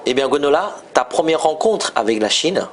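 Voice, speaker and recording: A man hosting an interview, asking brisk and playful quick-fire questions. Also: on the high side, expressive, slight background noise. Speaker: interviewer, show host.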